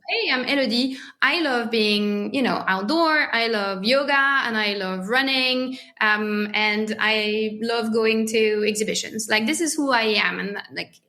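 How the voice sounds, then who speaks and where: Her voice is a little high, bright, and forceful: a French woman in her thirties, with a French accent, appearing as a podcast guest. She chats casually and thoughtfully in an interview, frequently starting phrases over.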